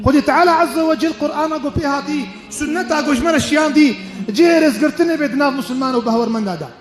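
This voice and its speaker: A man's voice: very high voice, very fast. A man preaching a Friday sermon, fervent, with sung Arabic invocations. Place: mosque. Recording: echoey mosque hall, faint music.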